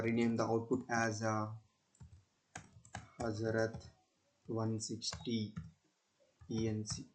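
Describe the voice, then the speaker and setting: A student presenter with a medium-pitched voice explains software step by step in a screen-recorded tutorial. His delivery is plain and practical, halting at times and frequently circling back over his own words.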